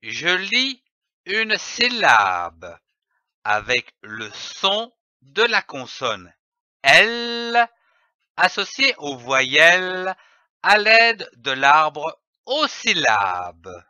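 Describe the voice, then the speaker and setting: A man teaching young children to read, sounding out each letter and syllable with slow, deliberate enunciation and patient repetition. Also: a little high, huge pitch swings, pushed and bright, no echo, lo-fi sound. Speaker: reading teacher. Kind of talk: reading lesson for young children.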